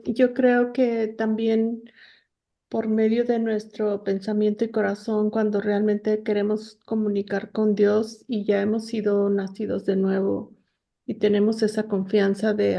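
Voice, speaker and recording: A woman who takes part in a devotional group on a video call. She speaks slowly and carefully about her faith. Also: medium pitch, vocal fry, mellow. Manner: slow and measured. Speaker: participant in a devotional.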